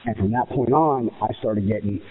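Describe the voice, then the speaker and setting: A man's voice: lowish voice, normal speed. An American man, a professional wrestler giving interview answers in an emphatic, self-assured way, repeating phrases in runs. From United States. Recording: muffled, narrow phone-like radio sound.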